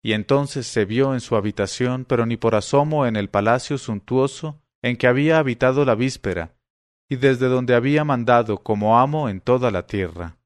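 A man reading a classic tale aloud in a measured, expressive way. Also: medium pitch, no echo, studio quality. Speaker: storyteller. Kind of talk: storybook narration read aloud.

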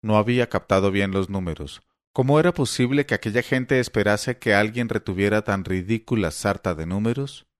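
A man reading a story aloud in a measured, even narration style. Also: lowish voice, dry recording, clean studio sound. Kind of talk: scripted audiobook narration.

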